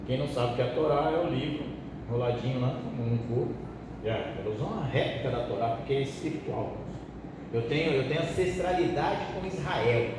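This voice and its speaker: A man's voice: mid-range voice, fairly quick. A pastor from Brazil teaching a Bible study in a colloquial, joking way and asking his listeners questions. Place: church hall. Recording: echoey hall, distant mic, background noise.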